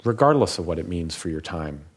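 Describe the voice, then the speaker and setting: A man with a very low, deep, husky voice tells stories during a public talk as a physician. He sounds very animated, yet stays measured and reflective, taking his time with each thought.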